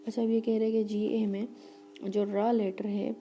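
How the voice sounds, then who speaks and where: A woman teacher giving a lecture, reading English lines slowly and explaining them quickly in between, with fillers and restarts. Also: mid-range voice, flat delivery, warm tone, lo-fi sound, a little hiss or hum.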